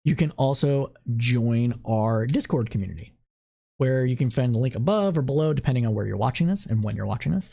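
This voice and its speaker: A host wraps up a casual weekly news stream, reading stories aloud with the occasional stumble. The voice sits mid-pitch with a mellow, relaxed warmth, and it gets playful when something cute comes up. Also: brisk, gravelly. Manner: playful, coos and repeats over a cute picture; reads news copy aloud with small slips.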